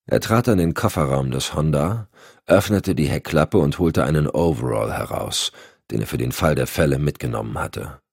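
A man narrating an audiobook thriller in a steady, measured way. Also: very deep voice, creaky, breathy edge, no room sound, studio quality. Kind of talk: scripted narration.

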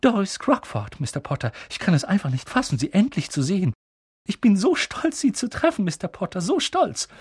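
A man voicing a flustered older woman, gushing quickly in a raised voice. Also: sits high, big pitch swings, husky, no room sound, studio quality, voice pushed up, exaggerated voice.

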